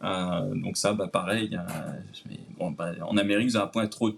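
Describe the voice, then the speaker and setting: A man from Réunion with a Réunionese French accent, a guest chatting casually and enthusiastically about food in a relaxed, rambling way. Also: low-pitched, normal speed, creaky, husky. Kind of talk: casual interview chat.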